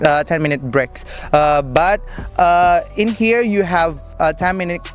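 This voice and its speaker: A man's voice: sits high, measured pace, faint music behind. A young man from Indonesia with an Indonesian accent, answering interview questions outdoors in a park. He is upbeat and chatty but hesitant, with many fillers. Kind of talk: casual street interview.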